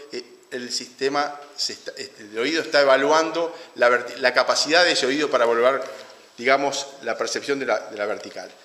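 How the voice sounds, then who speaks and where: A male lecturer with a Uruguayan Spanish accent explains his material at a middle pitch, often stopping to restart phrases. His voice carries through a large room and rings with a long reverb. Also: pushed and bright. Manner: halting, with frequent restarts and fillers. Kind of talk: academic lecture. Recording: roomy hall with long reverb.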